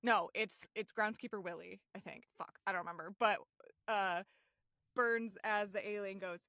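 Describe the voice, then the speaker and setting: A woman co-hosting a casual podcast, talking in a relaxed way and laughing often. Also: mid-range voice, normal speed, no echo, clean studio sound. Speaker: podcast co-host.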